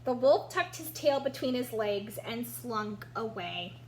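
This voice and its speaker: For young listeners, a woman expressively reads a storybook aloud, stopping for lively picture commentary. She speaks slowly in a slightly high, animated voice, and a background hum is noticeable.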